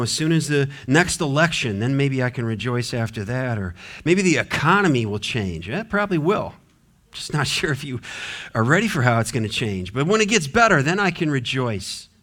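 Male pastor, sermon delivery, emphatic, wide swings in loudness and pitch, mid-range voice. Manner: emphatic preaching, voice rising and dropping sharply. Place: church sanctuary.

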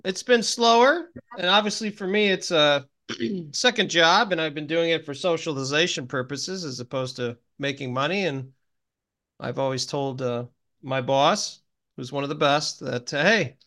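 Middle-aged man, podcast co-host, bright tone, slightly high voice, wry, deadpan. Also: measured pace. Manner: wry, rambling, deadpan humor. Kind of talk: casual chat.

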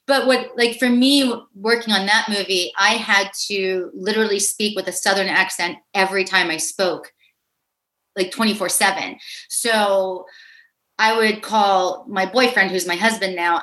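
A middle-aged actress from Pittsburgh, chatting casually in an interview, lively and quick to laugh as she acts out quoted voices. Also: medium pitch. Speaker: actress guest.

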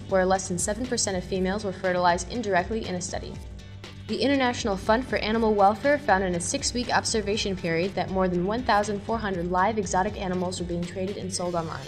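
A woman reads a scripted segment of offbeat news in a brisk, wry manner. Her voice sits in a middle pitch, and music plays clearly behind her.

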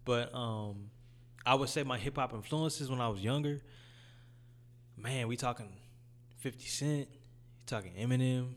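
A young man from Detroit with a raspy voice, talking about his music in a laid-back, casual interview. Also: mid-range voice, unhurried, pauses often. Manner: laid-back, loose phrasing with fillers. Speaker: guest rapper.

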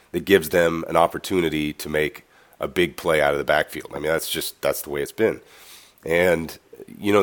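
A man hosting a casual sports podcast, talking at length with a stuffy, nasal voice from a cold. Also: deep voice. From United States. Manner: talkative, rambling with restarts. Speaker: podcast host.

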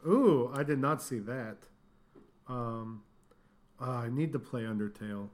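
A man's voice: medium pitch, unhurried, a little mellow. A man co-hosting a casual gaming podcast, chatty, with fillers and frequent laughter. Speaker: podcast co-host.

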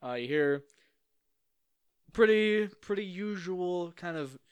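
Clear higher-voiced man running a tabletop game. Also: lively intonation, takes it slowly, no room sound. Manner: informal, joking, sweary. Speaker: game master. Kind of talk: casual tabletop game narration, improvised.

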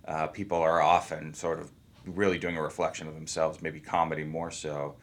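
Man, deep low voice, actor being interviewed, easygoing, thinks out loud. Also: little pitch movement, a little fast. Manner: easygoing, rambling, thinks aloud. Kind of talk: casual interview talk.

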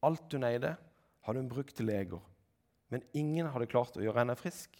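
A man's voice: expressive, darkish tone. A man preaching a sermon, reading Bible passages aloud and acting out the voices in them. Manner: reads scripture aloud, acting out voices with raised pitch.

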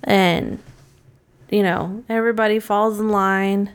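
A woman co-hosting a podcast, chatting casually about movies in a relaxed, hedging way with many fillers. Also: mid-range voice, slow pace, clean tone. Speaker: podcast co-host. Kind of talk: casual movie-review chat.

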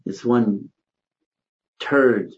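An older man, a credit consultant, giving an emphatic, preachy motivational monologue that swings between loud and hushed. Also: medium pitch, drawn-out words, muffled recording.

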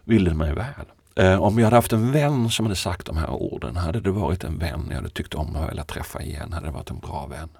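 A man with a very deep, gravelly voice talks things over in a slow, reflective conversation. His tone is husky and the sound is close and dry, with frequent laughter between musing thoughts. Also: expressive, darkish tone, dry recording. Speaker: poet, podcast guest.

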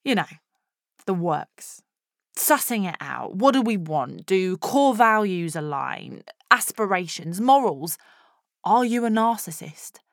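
Actress as frank, cheeky Essex woman, thirties, colloquial dramatic monologue, measured pace, dry studio-like sound. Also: medium pitch, sing-song, gravelly, no echo, heavily acted. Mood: wry, confiding. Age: 30s. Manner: colloquial, frank, wry asides. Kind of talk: scripted first-person dramatic monologue.

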